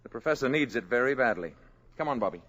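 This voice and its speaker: An actor playing a courteous male space visitor posing as an ordinary man, soft-spoken and assured, in 1950s radio drama style. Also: medium pitch, lively intonation, quick pace, background noise, close to an everyday voice. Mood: calm.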